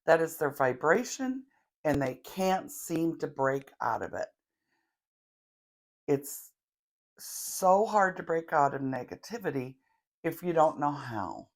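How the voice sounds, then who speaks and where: Woman guiding a meditation, low voice, unhurried, chatty asides, occasional cough. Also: lively intonation. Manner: slow, chatty, self-deprecating asides. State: coughing now and then. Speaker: tarot reader leading a guided meditation. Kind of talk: guided grounding meditation.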